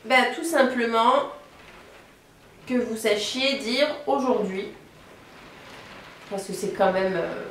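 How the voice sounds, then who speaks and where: A woman teaching a beginner Italian lesson, patiently repeating each word slowly. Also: on the high side, a little hiss or hum. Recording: roomy echo, voice a bit off-mic, faint ambience.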